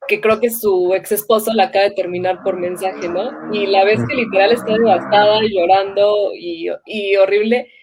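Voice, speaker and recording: Woman, teacher, animated, laughing, chatty. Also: mid-range voice, moderate pace, hardly any pauses, noisy background. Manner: animated, laughs often, quotes people. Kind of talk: casual conversation.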